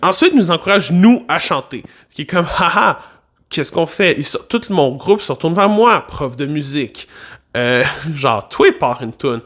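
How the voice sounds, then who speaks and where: A man with a Québécois French accent, a vlogger and music teacher, telling a travel story in a playful, animated way with lots of asides. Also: fairly high pitch, moderate pace. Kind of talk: casual storytelling vlog.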